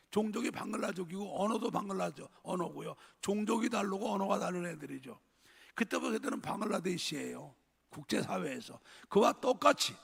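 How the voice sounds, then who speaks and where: An older male pastor delivers an emphatic sermon and keeps turning to address his congregation. His voice is pitched high, husky and raspy, with a strongly gravelly edge. It carries through a church sanctuary with a long, lingering reverb.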